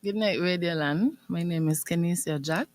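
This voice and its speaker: A young woman, a business owner, speaking as a guest on a radio interview, articulate and quick to laugh. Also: fairly low pitch, a little mellow, no echo. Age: young adult. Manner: articulate, laughs often, upbeat. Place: radio studio.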